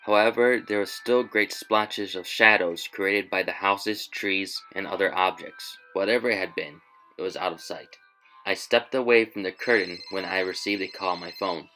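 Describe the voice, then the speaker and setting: A man narrating a scripted first-person horror story in a measured, tense way. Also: low voice, steady tone, bright, forceful tone, soft background music, low-quality recording.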